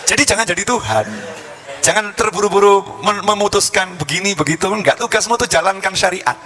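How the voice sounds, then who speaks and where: A male preacher delivers a sermon in a mosque, telling a story with lively humor. His voice is bright, fairly high, and very quick. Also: faint music behind.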